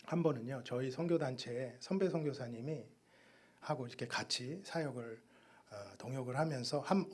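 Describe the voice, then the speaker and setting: A man giving a missionary's sermon testimony in a church, telling his story with sudden loud and soft turns. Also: medium pitch, husky. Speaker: missionary preacher.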